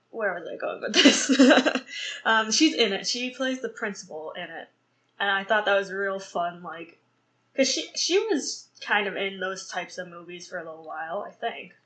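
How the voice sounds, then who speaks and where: A young woman hosts a solo podcast where she reviews a film, rambling along with lots of fillers and restarts and laughing at her own slips. Her voice sits in the mid range with a slightly bright quality, and the recording quality is poor.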